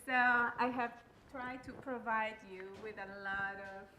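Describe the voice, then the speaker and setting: A woman from Peru speaks with a Peruvian Spanish accent, her fairly high voice unhurried and fairly even in intonation. As a guest speaker giving a personal talk, she comes across as hesitant, nervous and self-deprecating. The room is echoey, and background noise is clearly audible.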